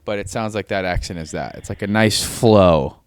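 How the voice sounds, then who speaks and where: A man co-hosting a casual podcast, playful and quick to laugh, often repeating the other host's words. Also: fairly low pitch, smooth, dry recording. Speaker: podcast co-host.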